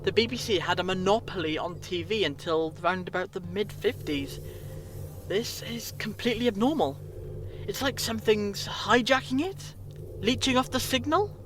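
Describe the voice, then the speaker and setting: A man's voice: high voice, moderate pace, natural voice. A man playing a breezy, curious alien time traveller in a fan audio drama, chatty and theatrical. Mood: alarmed, puzzled. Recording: noisy home recording.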